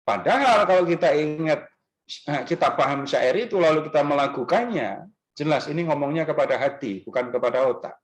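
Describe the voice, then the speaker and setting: At a parish gathering held in a restaurant function room, a man gives an Easter talk to a church group, keeping things conversational and frequently questioning the audience. He sounds animated, with rising emphasis on key words, and his fairly high voice moves briskly despite poor audio.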